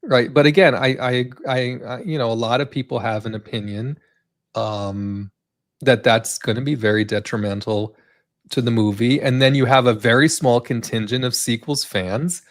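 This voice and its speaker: Male co-host, mid-pitched, rambling commentary with lots of fillers. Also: moderate pace, dry recording, studio quality. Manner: rambling, many fillers and tag questions. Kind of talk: live entertainment news chat.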